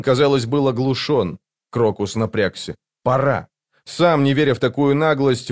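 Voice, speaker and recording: A male narrator reads fantasy prose in a steady, measured manner. His voice sits at an ordinary middle pitch. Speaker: audiobook narrator.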